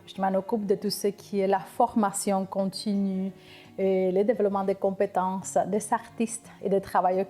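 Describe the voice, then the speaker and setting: A middle-aged woman from Cuba, speaking French, telling her immigration story in an interview, reflective and halting with frequent restarts. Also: medium pitch, darkish tone. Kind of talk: personal testimony interview.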